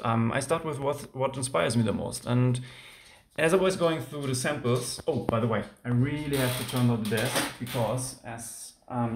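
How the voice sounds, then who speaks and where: A music producer with a German accent, speaking English as a second language, casually walks through his track in a home studio. His medium-pitched delivery is full of ums and restarts.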